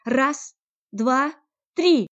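A woman's voice: mid-range voice, normal speed, pitched above the performer's own voice, natural voice. A woman narrator voicing a firm, fiery young woman who pleads, threatens and commands in a raised voice. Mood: pleading, threatening. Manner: commanding, rising to shouts. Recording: dull lo-fi recording.

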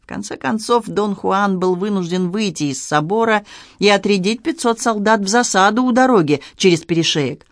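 An audiobook narrator reads literary prose in a measured, expressive voice. The pitch sits in the middle range. The sound is dry and close, with no room around it. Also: no room sound.

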